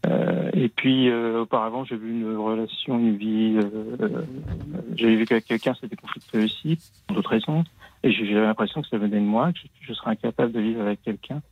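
A man calling in to a radio show, confiding his story in a halting way with many fillers and restarts. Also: on the low side, steady tone. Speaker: caller. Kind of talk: hesitant personal confiding on a call-in show. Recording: phone line.

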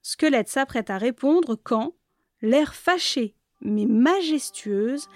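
High-voiced woman reading a storybook. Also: lively intonation, slow, no room sound, clean studio sound, soft background music. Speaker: narrator.

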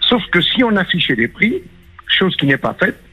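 Male radio caller, 60s, from Sicily, fairly high husky voice, measured explanatory delivery. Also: sing-song, pushed and bright, low-quality recording. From Sicily, moved to France at ten. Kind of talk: explaining a complaint in conversation.

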